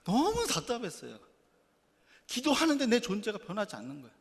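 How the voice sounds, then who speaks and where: Animated pastor in an echoing church. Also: male voice, high-pitched, a little fast. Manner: animated, swings between quiet asides and loud emphatic bursts; candid, self-deprecating confession. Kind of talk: storytelling sermon.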